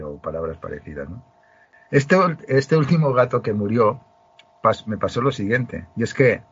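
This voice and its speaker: Husky-voiced man telling a story. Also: mid-range voice. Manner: storytelling, emphatic with frequent restarts. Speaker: podcast host. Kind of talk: casual conversation. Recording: muffled lo-fi sound.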